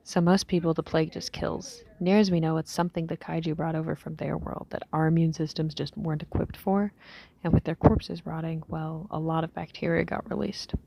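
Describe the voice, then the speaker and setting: Weary, low, creaky-voiced young woman survivor, acted. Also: steady tone, dark tone, lo-fi sound. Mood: somber, nostalgic. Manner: low-key, halting, musing aloud. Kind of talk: scripted audio diary monologue, fiction drama.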